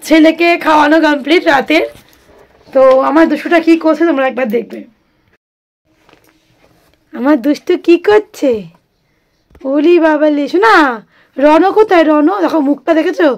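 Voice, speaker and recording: A woman's voice: high voice, normal speed, long pauses. A woman, vlogging at home and chatting to viewers as she explains household tasks. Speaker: vlogger and mother. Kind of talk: casual family vlog chat. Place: home, indoors.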